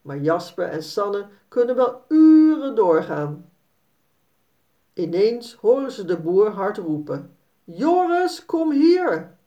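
A woman reading a children's story aloud in a calm, gentle storytelling manner. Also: mid-range voice, takes it slowly. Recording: dull, slightly distant recording.

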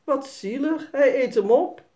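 A woman voicing an excitable little girl who is easily startled. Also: sits high, a little slow, pitched above the performer's own voice. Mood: excited. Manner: excited, squealing.

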